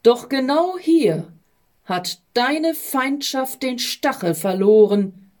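A woman reads the Envoy as a weary male traveller who answers with calm resolve. The delivery is slow and measured, close to her own reading voice, in a storybook. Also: high voice. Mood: resolute.

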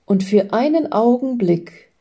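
A woman storyteller reading a faith story aloud at an unhurried pace. Her voice is soft and mellow, and her reading stays calm and measured. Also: a little high, breathy edge.

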